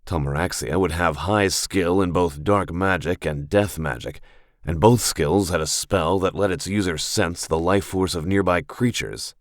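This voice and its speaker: A man reading a fantasy game novel aloud as an audiobook narrator, in a steady, even manner. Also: sits low, unhurried, dry recording, clean studio sound.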